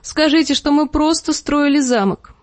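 Woman doing a scared teen girl, high panicky begging voice, dry and close. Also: normal speed, no room sound, natural voice. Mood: terrified. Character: terrified young girl begging for mercy.

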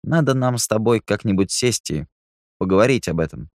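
A flamboyant young man teases and mocks with playful delight, put on by a male narrator. It is a slightly raised take on a deep voice, recorded close and dry. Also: animated, a little fast, no room sound, natural voice. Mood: teasing.

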